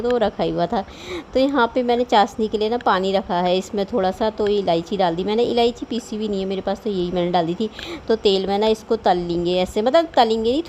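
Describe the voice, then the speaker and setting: Chatty woman with a mellow voice. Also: mid-range voice, a little hiss or hum. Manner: chatty, rambling, homely storytelling. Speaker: vlogger. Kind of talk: casual voice-over cooking vlog.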